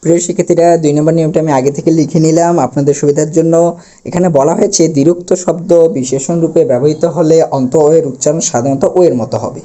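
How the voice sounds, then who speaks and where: Speaking quickly in a fairly high, dark-toned voice with fairly even intonation, a teacher from Bangladesh works through grammar at a board. He has a Bangladeshi Bengali accent, answers his own questions, and uses a camera he sets up himself as the microphone.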